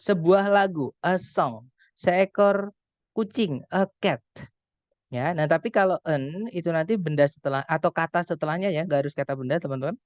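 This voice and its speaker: A young Indonesian man tutoring an online English grammar class, explaining slowly and patiently with many examples. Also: fairly high pitch, dry recording. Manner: patient, explains slowly, often addresses students as friends. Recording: dull dry call audio.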